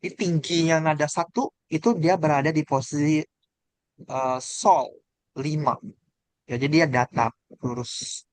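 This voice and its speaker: A man's voice: on the high side, steady tone, unhurried, no echo. A man teaching a class the tones of Mandarin pinyin, explaining patiently and asking the students questions.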